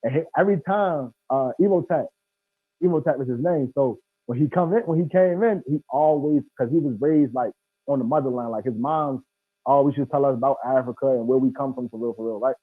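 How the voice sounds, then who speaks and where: A man in his thirties with an American accent talks fast in a mid-range voice, casual and emphatic, full of slang and frequent "bro"s. It's an animated, laid-back discussion over a video call from an indoor room. The recording is dry, with thin, phone-like online call audio.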